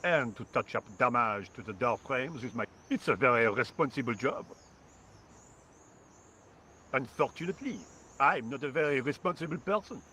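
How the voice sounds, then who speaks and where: A lazy, sarcastic painter with a French accent in a video game. The voice is bright and forceful, drawling every line with dry indifference. Faint crickets chirp in the background. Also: male voice, mid-range voice, expressive, moderate pace, long pauses, a little hiss or hum. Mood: indifferent.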